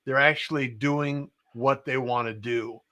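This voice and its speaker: A man with a medium-pitched voice hosts a relaxed-format chat show. He speaks conversationally in short, measured phrases, pausing hesitantly as he goes. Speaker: show host. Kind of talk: casual conversational hosting.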